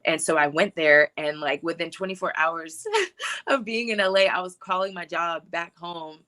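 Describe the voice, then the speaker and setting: Bright-voiced woman, reflective talk show guest. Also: on the low side, normal speed. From born in Hawaii, grew up in Texas. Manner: reflective, laughs easily, many filler words. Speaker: filmmaker guest. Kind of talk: casual talk show interview.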